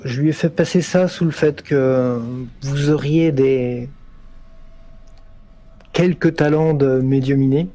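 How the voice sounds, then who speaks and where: A man playing a tabletop game, speaking in character in a measured, explanatory way. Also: medium pitch, fairly even intonation, dark tone. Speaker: player. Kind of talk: in-character tabletop role-play.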